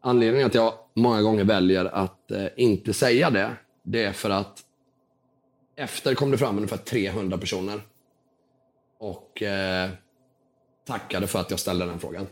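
With a slightly raspy voice, a young man on a podcast recounts a story vividly. He impersonates the characters, his pitch jumping sharply on their quoted lines.

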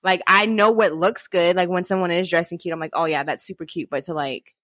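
A woman's voice: lowish voice, steady tone, brisk, a bit bright, no echo, studio quality. A young woman co-hosting a casual chat, rambling with lots of fillers. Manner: chatty, rambling, many fillers. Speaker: co-host.

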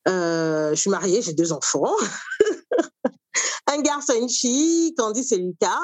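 A middle-aged woman from Cameroon speaks as an interview guest. Her voice sits at a mid pitch, and she talks thoughtfully, pausing often to find her words. The recording is dry and close. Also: sing-song, a little mellow, no room sound. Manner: thoughtful, with frequent pauses and fillers. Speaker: author and cook, interview guest. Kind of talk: conversational interview.

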